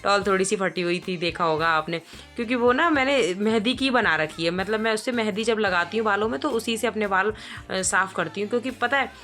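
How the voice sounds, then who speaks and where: A woman's voice: medium pitch, a little fast, a bit bright, faint music behind. A woman, a mother of two, talking through her day in a casual voice-over, chatty and rambling, with many fillers and restarts. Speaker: vlogger.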